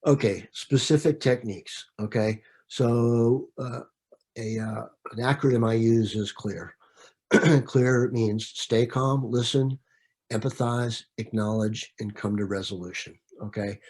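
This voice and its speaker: A man's voice: medium pitch, unhurried, darkish tone, husky. A man leading a training session in a conversational way, with frequent fillers and repeated words. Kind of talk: training presentation.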